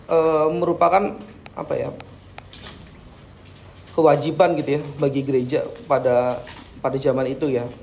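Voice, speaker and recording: A man's voice: a little high, a little mellow, slight background noise. A man teaching students in a classroom lesson, chatty and full of tag questions.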